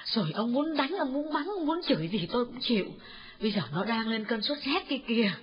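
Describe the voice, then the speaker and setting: A man voicing an anxious elderly mother who pleads with her husband in a high, tearful tone. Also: animated, a little fast. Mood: pleading. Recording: dull lo-fi audio with faint music.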